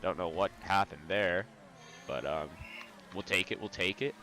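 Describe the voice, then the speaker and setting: A man hosting a racing video, talking casually over the gameplay with a relaxed, rambling delivery full of ums. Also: low-pitched, normal speed, a little hiss or hum. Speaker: racing video host and commentator. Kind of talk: casual race commentary.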